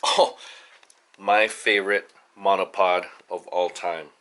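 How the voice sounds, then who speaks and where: A father hosting a family video channel, casually showing off his home studio in a halting, rambling way with lots of fillers and restarts. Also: sits low, fairly even intonation, sharp tone. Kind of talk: casual studio tour vlog.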